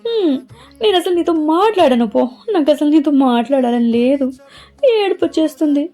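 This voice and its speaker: A woman's voice: high voice, expressive, fairly quick, dark tone, soft background music, pitched above the performer's own voice. A woman voicing a sulky, pouting young woman in love who scolds and pleads.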